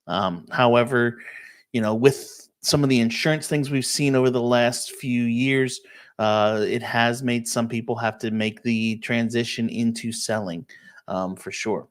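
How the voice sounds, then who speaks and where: A real estate agent with a medium-pitched, steady, unhurried voice walks viewers through listings on a casual live stream. He explains as he goes, responds to their questions, and keeps checking in with "okay?" amid plenty of "um"s.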